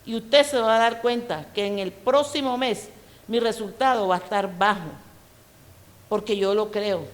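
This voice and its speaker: A woman's voice: medium pitch, normal speed. A woman preacher from Colombia with a coastal Colombian accent, giving an emphatic, conversational sermon full of personal stories. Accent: Colombian Caribbean coast. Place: church hall. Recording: reverberant church hall.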